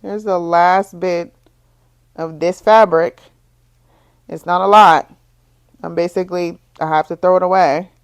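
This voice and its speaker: A young woman who runs her own bikini business, telling her story in a casual vlog, repeating herself and rising higher as her frustration builds. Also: fairly even intonation, unhurried, long pauses. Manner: exasperated, repetitive, rises in pitch when frustrated. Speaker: small business owner, bikini designer.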